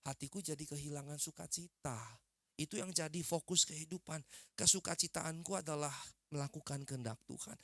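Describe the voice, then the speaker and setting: Bright emphatic Indonesian-style preacher man. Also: fairly high pitch, no echo, studio quality. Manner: emphatic preaching with repeated phrases and questions to the congregation. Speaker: pastor. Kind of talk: sermon.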